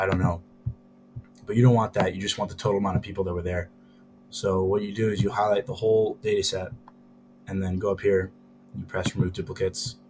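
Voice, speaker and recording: Low, flat-voiced man with a swollen sore throat. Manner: hesitant, informal. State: sore throat, thick swollen-tonsil sound. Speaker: tutorial presenter. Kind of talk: casual, unscripted software tutorial. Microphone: laptop's built-in microphone. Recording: low-quality laptop mic, music behind.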